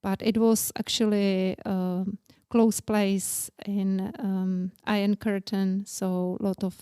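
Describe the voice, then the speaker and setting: A woman in her forties with a Czech accent, speaking English as a second language, telling about her life as an interview guest in halting, earnest sentences. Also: medium pitch, flat delivery, dark tone, smooth, dry recording, studio quality. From Czech Republic. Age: 40s. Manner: halting non-native English, plain and earnest. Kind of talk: casual interview.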